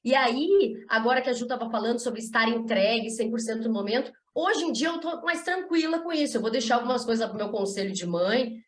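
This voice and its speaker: A woman's voice: a little high, fairly quick, few pauses, roomy sound. A woman co-hosting a casual podcast, telling candid stories and acting out family conversations. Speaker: podcast co-host.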